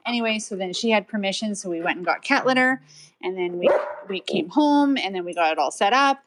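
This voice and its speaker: A middle-aged woman co-hosting a podcast from home, telling a story in a chatty, animated way. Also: mid-range voice, brisk, noisy background. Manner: chatty, animated storytelling with playful voices for pets. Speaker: podcast co-host. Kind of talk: casual storytelling chat. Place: at home with dogs nearby. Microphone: home mic on a live audio stream.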